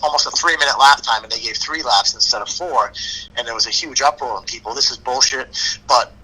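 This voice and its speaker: A man's voice: mid-range voice, fast, bright, forceful tone, breathy edge, low-quality recording. A man, a longtime motocross racer, talking bluntly and with many restarts in a casual podcast chat.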